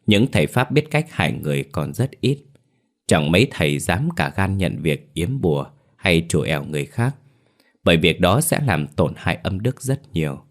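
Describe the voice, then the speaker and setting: Deep-voiced man narrating a ghost story. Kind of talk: scripted horror story narration.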